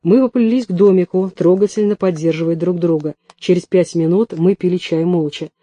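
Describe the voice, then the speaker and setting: A man narrating an audiobook in a lively storytelling manner. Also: high-pitched, a little fast, no echo. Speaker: audiobook reader.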